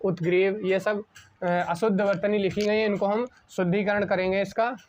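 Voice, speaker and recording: A man teaching an exam-prep spelling lesson at a board, asking a question and answering it himself, slowing down on each correct word. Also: sits high, flat delivery, slight background noise. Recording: dull lo-fi sound.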